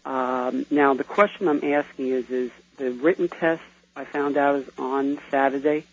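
A man's voice: medium pitch, little pitch movement, a little slow. A man phoning in to a radio call-in show, asking his question earnestly and hesitantly. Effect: phoned-in radio caller. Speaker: caller. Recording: muffled phone line on radio.

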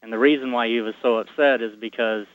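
A man's voice: mid-range voice, steady tone, quick pace. A man calling in over the phone, hesitant and repeating his words as he asks a Bible question. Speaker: caller. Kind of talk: caller asking a Bible question. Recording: muffled phone line.

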